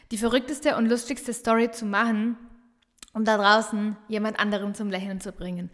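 A business coach with a regional dialect hosts her own motivational podcast, speaking emphatically and with lots of energy, often repeating phrases to drive points home. Her voice is a little high and fairly bright, with a big-room sound.

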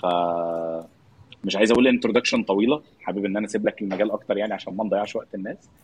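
A man with an Egyptian accent hosting a live online interview in a casual, effusively polite, informal way, with a husky voice. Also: lowish voice, steady tone, very fast. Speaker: podcast host welcoming a guest.

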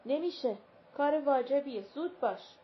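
A woman's voice: sits high, animated, voice pushed up. A woman voicing a brusque bathhouse keeper's wife in a storybook reading, hurrying and scolding. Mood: impatient. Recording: dull lo-fi recording with faint hiss.

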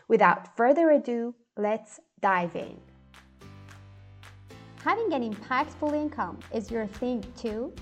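Upbeat woman host, high voice. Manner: upbeat, addresses listener directly with questions. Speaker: podcast host. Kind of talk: scripted podcast narration.

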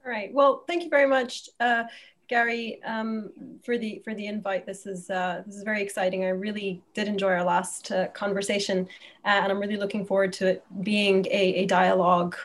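A woman's voice: medium pitch, fairly even intonation, moderate pace. Thoughtful Egyptian woman academic. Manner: thoughtful, hesitant with fillers. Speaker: guest academic. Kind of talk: interview answer.

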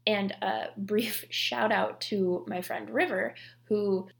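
Woman, podcast co-host, casual chat, creaky, gravelly, many "like" fillers. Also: mid-range voice, steady tone, slow pace. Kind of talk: casual chat about scripture and fiction.

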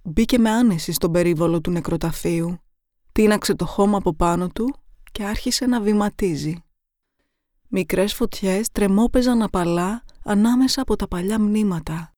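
A woman reads short horror stories aloud in a measured, suspenseful way. Her voice sits at an ordinary middle pitch. The sound is dry and close, with no room echo. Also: mellow. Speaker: narrator. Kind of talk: scripted narration of horror stories.

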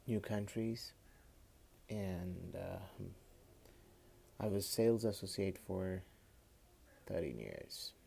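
A man in his late twenties with a Kashmiri accent, talking casually and haltingly as a podcast host, often repeating words, recorded on a phone. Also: sits low, expressive, vocal fry, dark tone, slight background noise. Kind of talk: casual personal monologue.

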